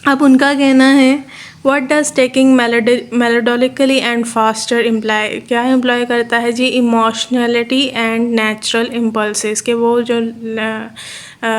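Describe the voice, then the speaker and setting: A woman from Pakistan with a Pakistani accent, giving a steady, explanatory lecture and repeating her points. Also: on the high side. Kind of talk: explaining a lesson in Urdu mixed with English terms.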